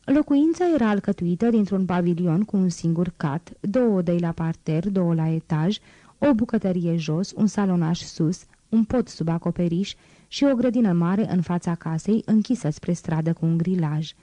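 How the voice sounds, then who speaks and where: Woman, audiobook narrator, measured storytelling, mellow tone, dry close sound. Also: fairly low pitch, dry recording. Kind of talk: audiobook reading.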